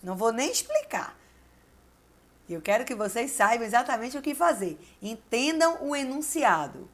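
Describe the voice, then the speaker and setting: A woman, a teacher giving a video lesson, who dictates slowly and repeats key words syllable by syllable while encouraging her class. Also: a little high, big pitch swings. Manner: encouraging, addresses the class directly. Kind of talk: video lesson with word exercises.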